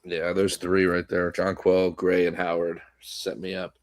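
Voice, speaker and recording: Rambling man with a low, dry voice. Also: monotone, a little slow, dry recording. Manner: rambling, restarts, lots of "like". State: coughing today. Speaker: podcast co-host. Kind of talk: casual sports chat.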